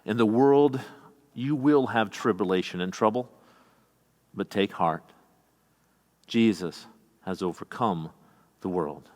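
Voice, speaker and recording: A Midwestern American man preaches in a church sanctuary, his low voice carrying a long, lingering reverb. He reads scripture and breaks off into folksy, conversational asides to his congregation. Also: slow pace, long pauses, darkish tone. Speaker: pastor. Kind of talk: sermon.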